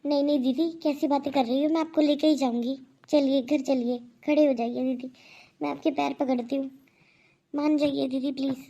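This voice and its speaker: A woman voicing a proud elderly aunt who scolds loudly and with indignation in a cartoon. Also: high-pitched, fairly even intonation, normal speed, highs cut off. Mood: indignant.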